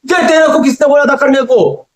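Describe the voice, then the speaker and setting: High-voiced young man telling a funny story. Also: moderate pace. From India. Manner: animated, laughing at his own story. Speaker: vlogger. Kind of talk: casual storytelling.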